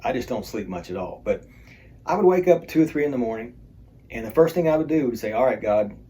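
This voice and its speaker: Male Bible study teacher, warm low-key tone, chatty, tosses in jokes. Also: very animated, quick pace. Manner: conversational, with joking asides.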